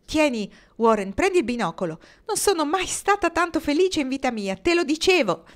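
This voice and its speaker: A woman reading aloud, voicing an excitable young woman who shrieks with joy in a high, loud voice. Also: unhurried. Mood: overjoyed, shrieking.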